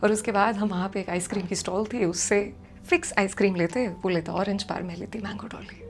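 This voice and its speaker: A young woman performing a comic personal story, chatty and animated, slipping English phrases into her telling. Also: medium pitch, fairly quick.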